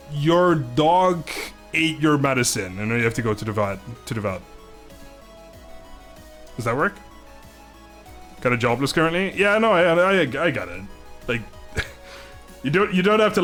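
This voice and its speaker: A young Dutch man with a fairly high, somewhat bright voice chats casually on a live stream. He laughs a lot and trips over his words in a Dutch accent.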